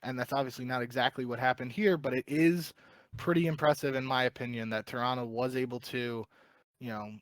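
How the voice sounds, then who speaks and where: A man's voice: mid-range voice, steady tone, a little fast, no room sound. A man co-hosting a podcast, talking esports in a casual, rambling way with lots of fillers and restarts. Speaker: podcast co-host. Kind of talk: casual esports analysis chat.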